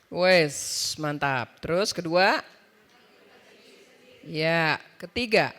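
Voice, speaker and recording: A woman's voice: deep voice, a bit bright. A middle-aged woman preaching a sermon at a church women's service, telling a personal story in a conversational way and acting out the dialogue. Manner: conversational storytelling, acts out dialogue, quick asides.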